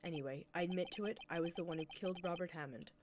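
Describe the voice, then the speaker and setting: A woman voicing a bitter, resigned old man on a witness stand in a video game, speaking gravely and plainly over loud music. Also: fairly low pitch, very fast, background noise, lightly acted.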